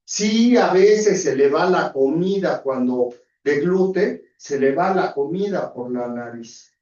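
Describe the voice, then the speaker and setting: Mexican guy teaching anatomy, kinda high voice, far off the mic in a big echoey hall, dull audio. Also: expressive, takes it slowly, darkish tone. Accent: Mexican Spanish. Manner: peppers talk with rhetorical questions, tag checks. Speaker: anatomy lecturer and surgeon. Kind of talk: university lecture.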